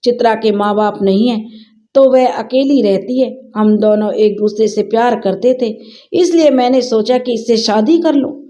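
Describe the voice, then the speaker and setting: A woman's voice: fairly high pitch, moderate pace, dark tone, close to an everyday voice. A woman voicing a young man who scolds his mother for the sake of his new wife, in an indignant tone. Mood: pleading.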